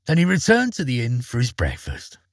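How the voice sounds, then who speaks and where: A man narrating a fairy tale in an expressive, dramatic way. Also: mid-range voice, brisk, no room sound, clean studio sound. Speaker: storyteller.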